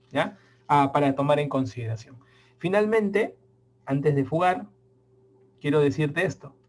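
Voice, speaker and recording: Middle-aged man, exam prep lecturer, emphatic and repetitive, somewhat high-pitched. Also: a little mellow. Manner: emphatic, repeats key points, addresses students directly.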